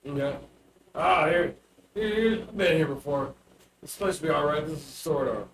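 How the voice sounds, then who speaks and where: A man playing a tabletop game, talking casually and half in character, in a hesitant, halting way. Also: on the high side. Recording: echoey, distant mic with clear noise.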